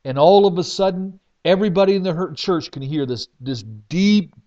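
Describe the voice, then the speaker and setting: A man preaching as a pastor, telling stories in an emphatic way with sudden swings between loud and soft. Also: high voice, normal speed. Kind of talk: sermon testimony. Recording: dull lo-fi recording.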